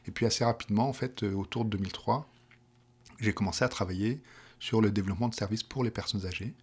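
Speaking quickly in a lowish, breathy voice, this middle-aged man from France has a Parisian accent. He manages projects for a provincial health plan and, in an interview about his job, stumbles through many hesitant restarts.

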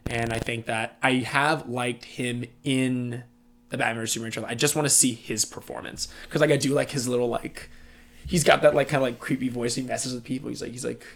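A man's voice: mid-range voice, steady tone, brisk, gravelly, a bit bright, a little hiss or hum. A man co-hosting a podcast, chatting casually and hedging his points with lots of fillers. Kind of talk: casual chat.

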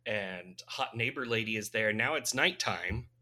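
Bright-voiced amused man recapping a movie. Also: on the low side, a little slow. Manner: rambling, amused, laughs often. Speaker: podcast co-host recapping a movie. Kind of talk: casual chat.

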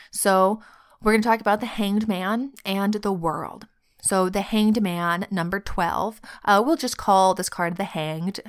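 Slow, soft-spoken woman podcast host. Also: medium pitch, clean tone. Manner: slow, soft and heartfelt, drops to whispers, laughs often. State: sick and choked up. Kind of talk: reflective solo podcast talk.

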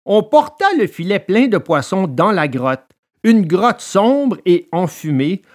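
A man narrating a children's story in an expressive, dramatic storytelling manner. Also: high voice, slow pace.

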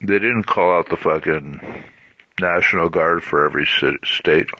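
Another participant in the political chat channel vents bluntly and profanely about politics, with heavy emphasis, through a walkie-talkie voice app. His low voice is sharp in tone and measured in pace, and the muffled audio carries background noise.

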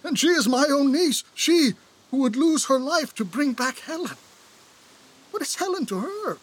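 An actor playing a remorseful royal brother in an earnest, pleading stage delivery for an audio drama. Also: male voice, extremely high pitch, expressive, moderate pace.

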